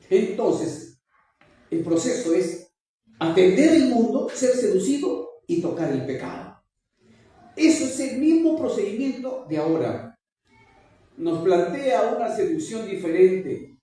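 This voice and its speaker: A man's voice: fairly high pitch, warm tone. A man preaching a sermon as pastor, emphatic and repeating his key phrases. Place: church. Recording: echoey church hall, distant mic.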